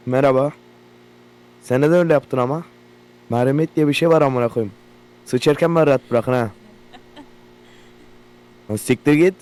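A young man giving profane, jumpy commentary while playing a horror game, with a game hum behind him. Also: on the high side. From Turkey. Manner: profane, loud, jumpy reactions. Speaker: gaming YouTuber. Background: generator hum from the game.

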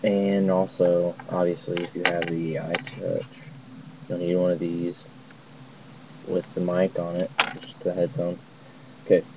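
This young adult app reviewer talks in a low, flat voice at a measured pace, pausing often, as he casually walks viewers through a tutorial on camera. He's indoors at home in a dim, cluttered room, first on a laptop mic and then a phone headset mic. The lo-fi audio sounds muffled, noisy and distant, webcam-style.

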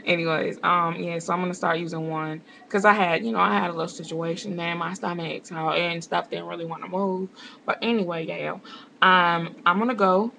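A woman's voice: fairly low pitch, steady tone, brisk, gravelly, pushed and bright, a little hiss or hum, rough recording. A young woman vlogging from home, chatting casually to camera with rambling, sarcastic asides. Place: home indoors.

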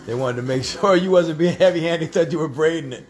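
A man's voice: fairly high pitch, a little fast. A man hosting a home cooking live stream, chatting with viewers while filming on a phone in a kitchen. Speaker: cooking show host. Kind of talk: casual live-stream chat. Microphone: handheld phone camera.

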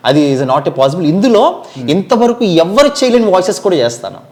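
A man, a mimicry artist, chatting casually as a guest and answering in quick, eager replies. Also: high-pitched, very animated, darkish tone. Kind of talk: casual chat.

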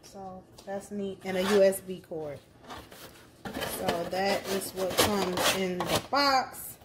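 A woman's voice: medium pitch, slow, heavy background noise. A woman hosting her own crafting channel, chatting casually and upbeat through an unboxing.

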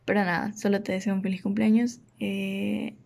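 A woman, tearful and choked up, giving a halting, emotional birthday message to her brother. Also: mid-range voice, flat delivery, vocal fry, darkish tone. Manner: emotional, halting with many fillers. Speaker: sibling sending birthday wishes. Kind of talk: heartfelt recorded message.

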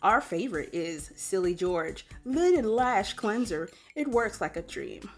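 A woman's voice: mid-range voice, big pitch swings, measured pace, faint music behind. A woman putting on a peppy female game show announcer voice to read out product instructions. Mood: showy, upbeat. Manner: bright, upbeat announcer delivery.

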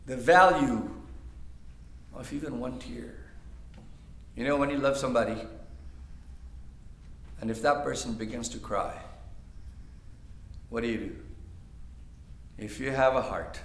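A man preaching a sermon as pastor, talking straight to his listeners and swinging from hushed, quiet passages to loud, emphatic ones. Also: mid-range voice, measured pace, vocal fry, pauses often. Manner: conversational, asks the audience directly. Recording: echoey church room.

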